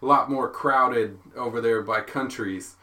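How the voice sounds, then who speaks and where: A man's voice: mid-range voice, bright, forceful tone. A man chatting casually on a podcast in a backyard shack, speaking bluntly and cursing. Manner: slow, blunt, profane. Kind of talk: casual chat.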